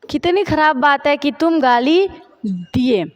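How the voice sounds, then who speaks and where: A woman teaching spoken English in Hindi, repeating each phrase slowly while she writes out the examples. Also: sits high, expressive, dull audio.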